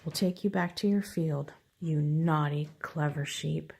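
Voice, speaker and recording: A grandmother putting on a fussy, proud farm woman from a children's storybook, squeaking up high and loud when she scolds. The voice underneath stays a little husky. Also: measured pace, heavily acted. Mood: cheerful.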